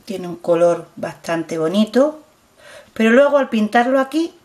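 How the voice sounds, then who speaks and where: A woman's voice: mid-range voice, lively intonation, a little slow, a little mellow. A middle-aged woman with a Spanish accent from Spain, chatting casually as she shows her products on camera and repeating herself as she urges viewers to look closely. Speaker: beauty vlogger.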